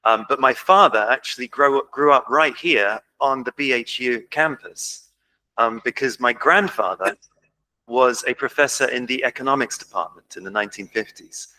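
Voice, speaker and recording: An Englishman gives a loose, informal conference talk in a lecture hall, joking at his own expense and saying "um" a lot. His mid-range voice comes at a moderate pace and sounds pushed and bright, though the recording quality is poor.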